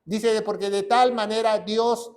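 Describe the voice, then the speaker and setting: A man's voice: high voice, little pitch movement, a little slow, a little mellow. A male pastor preaching a fiery sermon, asking rhetorical questions and repeating phrases for emphasis.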